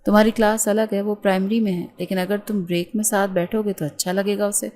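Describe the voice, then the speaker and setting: A woman voicing a kind schoolteacher who speaks gently and encouragingly. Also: mid-range voice, fairly even intonation, lightly acted.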